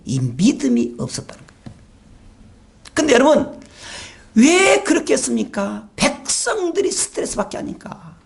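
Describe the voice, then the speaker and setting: A woman pastor delivers a sermon with animated storytelling. Her pitch swings widely as she throws rhetorical questions at her listeners, and a gravelly fry creeps into her voice. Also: normal speed, long pauses.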